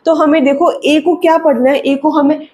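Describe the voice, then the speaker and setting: High-voiced woman teaching phonics. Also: fairly even intonation, a little mellow. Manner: repeats questions and answers, frequent "ठीक है" check-ins; stretches sounds slowly when modelling them. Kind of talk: instructional lesson for parents.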